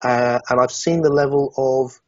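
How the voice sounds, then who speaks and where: A man's voice: medium pitch, normal speed, no echo, dull audio. A middle-aged man from Somerset, England, a guest in an interview, talking reflectively and hesitantly, with many restarts. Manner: hesitant, many restarts, animated when recounting.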